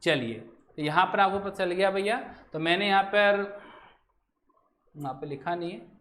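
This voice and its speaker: A man's voice: sits high, unhurried, fairly bright tone. A male teacher explaining a grammar lesson while writing on a board, who asks his students questions and then answers them himself.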